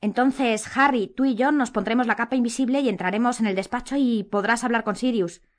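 A bright, raised voice talks quickly and urgently: a woman playing a clever, bossy teenage girl from a storybook. She pleads, insists and lays out plans with nervous energy. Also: on the high side, voice pushed up, close to an everyday voice.

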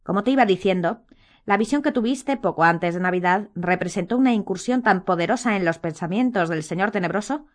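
A woman voicing a cold, stern male wizard teacher in an audiobook, speaking slowly and measuring each word. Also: mid-range voice, lightly acted. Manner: slow and measured, icy.

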